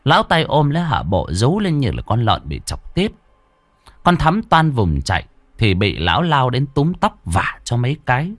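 A man's voice: mid-range voice, wildly swooping pitch, moderate pace, fairly bright tone, dry recording. A man narrating a ghost story with a dramatic, ominous delivery.

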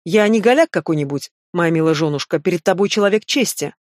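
A man's voice: high-pitched, expressive, fast talker, no echo, clean studio sound. The audiobook reader voicing a stern, sardonic male investigator who speaks in short, cold commands. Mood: mocking.

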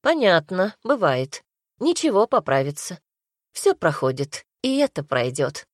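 Woman reading as a brisk elderly woman doctor. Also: lowish voice, big pitch swings, no room sound, clean studio sound. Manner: brisk, matter-of-fact. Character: older woman doctor, brisk and matter-of-fact.

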